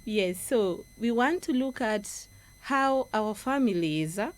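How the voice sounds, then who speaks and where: A woman's voice: fairly high pitch, lively intonation, takes it slowly. A Kenyan woman, a project coordinator and guest speaker, giving an earnest, instructive talk in a radio studio.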